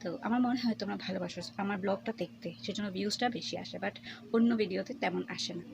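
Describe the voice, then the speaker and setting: A young woman casually narrating a home cooking vlog in a dim kitchen, talking quietly because others are nearby, with no external mic. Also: mid-range voice, a little fast, gravelly. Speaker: cooking vlogger. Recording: noisy home recording without a mic.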